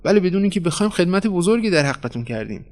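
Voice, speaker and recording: A man voicing a calm, flattering newspaper editor who talks a painter into staying dead. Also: high voice, pitched above the performer's own voice. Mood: persuasive. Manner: cool, persuasive, flattering. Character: smooth, scheming middle-aged male newspaper editor.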